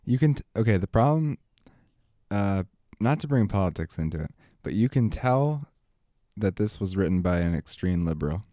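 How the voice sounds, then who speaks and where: A man's voice: on the low side, expressive, moderate pace, dark tone, dry recording, clean studio sound. A man co-hosting a casual movie review chat, opinionated and sarcastic. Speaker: podcast co-host.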